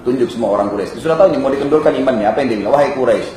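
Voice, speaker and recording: A man preaching, telling a story with lively emphasis and speaking directly to his audience in a mosque hall. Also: medium pitch, very fast, a little hiss or hum. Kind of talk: storytelling sermon. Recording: echoey hall with faint ambience.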